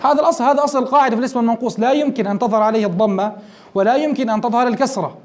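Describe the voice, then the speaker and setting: Fast, high-voiced man teaching grammar. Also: a little mellow. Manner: explains step by step, asks the class questions. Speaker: sheikh teaching Arabic grammar. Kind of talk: classroom grammar lesson.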